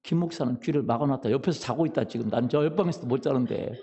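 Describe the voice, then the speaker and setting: A man's voice: mid-range voice, very fast, warm tone, dull audio. A middle-aged man preaching a sermon as pastor, telling humorous stories and asking the congregation questions. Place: church sanctuary.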